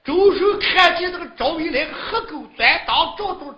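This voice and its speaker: A woman's voice: extremely high pitch, expressive, normal speed, roomy sound, highs cut off. A woman storyteller narrating in a dramatic, half-sung Shaanbei storytelling style.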